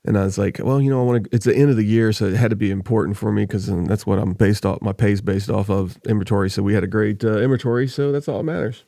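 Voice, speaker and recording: A man's voice: fairly low pitch, fairly even intonation, fast, vocal fry, few pauses, warm tone, dry recording, clean studio sound. A man hosting a podcast, chatting casually and rambling, often laughing. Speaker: podcast host. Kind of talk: casual chat. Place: home. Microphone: desk microphone.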